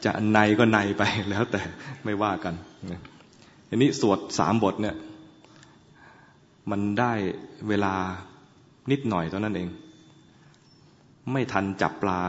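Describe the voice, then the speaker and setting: Monk teaching, slow and lowish voice, dull recording in a big reverby hall. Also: male voice. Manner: slow, chants Pali in a measured tone and explains with dry humor. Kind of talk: dharma talk with chanting.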